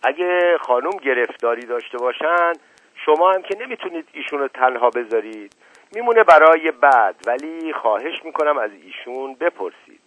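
A man's voice: a little high, no room sound, pitched above the performer's own voice. Man reading as sly charming Asadollah Mirza. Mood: coaxing. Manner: smooth, persuasive, flattering. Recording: dull lo-fi radio recording.

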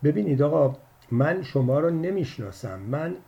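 A man's voice: medium pitch, animated, warm tone, muffled recording, natural voice. A man doing a flustered grown man. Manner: hurried, flustered.

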